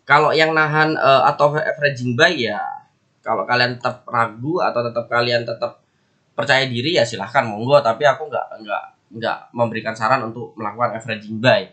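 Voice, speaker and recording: Congested and nasal from a cold, this man chats through his forex market commentary directly to viewers, with repeated words and friendly asides. He speaks a little fast at medium pitch, his tone pushed and bright.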